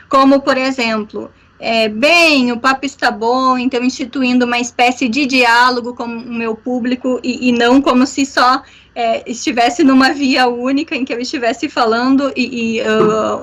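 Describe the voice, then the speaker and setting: A woman giving an online workshop lecture over a video call, explaining step by step with many fillers and a frequent "né?". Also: sits high. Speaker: workshop instructor.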